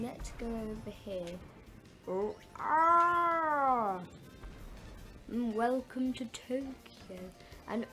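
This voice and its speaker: A woman's voice: high voice, fairly bright tone. A woman hosting a gaming video, giving playful kart racing commentary full of exclamations, oohs and little vocal sound effects. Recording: game music under the voice. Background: video game music.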